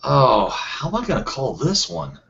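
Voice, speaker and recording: A man's voice: medium pitch, huge pitch swings, normal speed, gravelly, fairly bright tone. Hesitant man running a tabletop game. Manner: hesitant, thinking aloud with many restarts. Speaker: game master. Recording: dull lo-fi sound.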